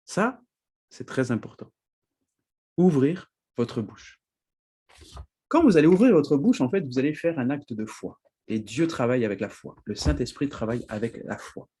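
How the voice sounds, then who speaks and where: Husky man teaching with animated emphasis. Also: medium pitch, moderate pace. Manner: animated, laughs often, repeats "d'accord?" to check in. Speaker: preacher. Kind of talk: teaching sermon.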